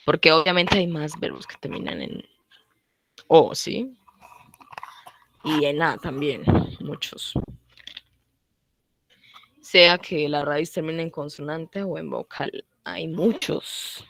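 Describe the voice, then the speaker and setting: A young woman giving a casual online grammar lesson, repeating her points and checking in with quick tag questions. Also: deep voice, expressive, vocal fry, fairly bright tone, slight background noise. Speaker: language teacher.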